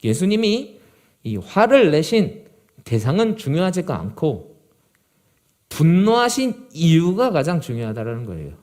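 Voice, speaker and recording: A male pastor preaches to a youth group, moving between loud, urgent emphasis and low, quiet gravity.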